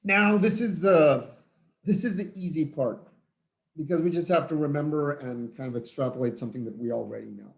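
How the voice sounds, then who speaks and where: A tired man teaching a physics lesson in an informal, halting way, with many fillers and restarts. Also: mid-range voice, fairly even intonation, creaky, darkish tone. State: tired, yawning. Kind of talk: recorded online lecture.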